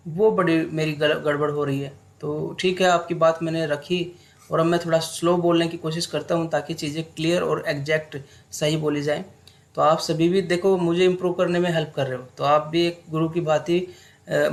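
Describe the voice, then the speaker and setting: Relaxed, unhurried male teacher, higher voice. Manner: unhurried, mixes English terms into his speech. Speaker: exam prep teacher. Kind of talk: relaxed online lecture.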